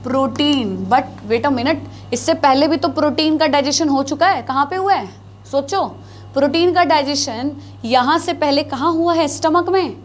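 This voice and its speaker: In a biology lesson, a woman speaks at normal speed in a high-pitched voice. She asks her class questions and answers them herself, repeating key terms in a mix of Hindi and English as she writes on the board.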